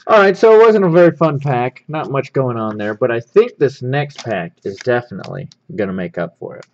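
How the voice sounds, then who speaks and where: This sports card pack-opening host has a mid-range, gravelly voice with lively intonation and a brisk delivery. He keeps things upbeat and easygoing as he describes what he's unboxing, and his lo-fi microphone sounds slightly dull.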